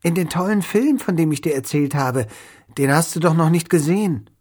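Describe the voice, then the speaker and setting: A man's voice: on the high side, moderate pace, darkish tone, husky, no room sound, clean studio sound. A man voicing a shy, secretive boy who pleads and hesitates, near tears. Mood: coaxing.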